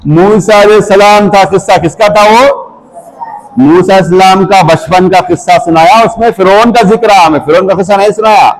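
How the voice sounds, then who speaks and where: A man teaching children Islamic manners, speaking slowly and repetitively, asking questions and repeating phrases for them. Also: high-pitched, poor audio. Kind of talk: slow, repetitive instructional talk.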